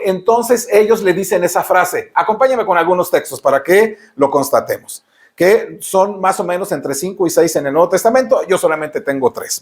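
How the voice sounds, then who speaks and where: A man with a Mexican Spanish accent preaching a sermon as pastor, emphatic and direct, often asking the congregation rhetorical questions. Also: sits high.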